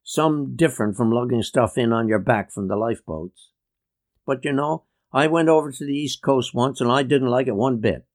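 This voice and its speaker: A man's voice: medium pitch, normal speed, natural voice. A man voicing an easygoing old woodsman, spinning yarns about the old days. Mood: reminiscing. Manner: easygoing storytelling. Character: old male Newfoundland woodsman yarning.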